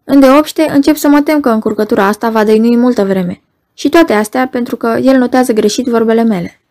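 A woman reading the lines of a gentle, timid young prisoner who answers in a hurried, shy way. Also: fairly high pitch, close to an everyday voice.

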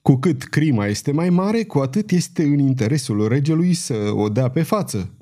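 A man voicing a gruff old soldier captain who speaks in a cold, curt way. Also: a little high, animated, dark tone, natural voice.

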